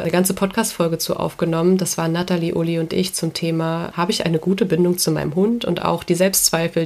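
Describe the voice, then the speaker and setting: Congested with a cold, this lowish-voiced dog trainer hosts a podcast in an easygoing, talkative way, breaking into laughter readily.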